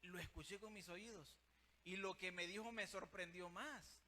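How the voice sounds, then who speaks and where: A man's voice: high voice, normal speed, pushed and bright. A man preaching a sermon with fervour, speaking straight to his listeners as brother and sister.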